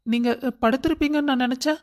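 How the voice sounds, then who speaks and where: A woman's voice: sits high, fairly even intonation, quick pace, close to an everyday voice. A woman voicing a sly, sweet-talking young daughter-in-law. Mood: scheming. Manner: sweet-talking, with fake tearful pleading. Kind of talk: cartoon voice acting.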